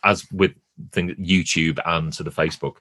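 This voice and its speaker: Lower-voiced man, halting podcast talk. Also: steady tone, sharp tone. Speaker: podcast co-host. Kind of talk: casual podcast chat.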